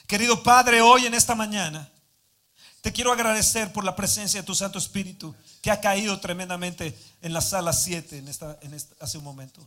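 A man preaching a sermon, moving from calm Bible reading to fervent shouted declarations, recorded live in a church hall. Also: sits high, brisk. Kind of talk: sermon with prayer.

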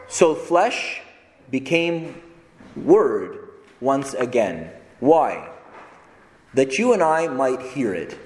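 A man preaching a sermon as a priest, animated and full of rhetorical questions. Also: medium pitch, echoey room, long reverb tail.

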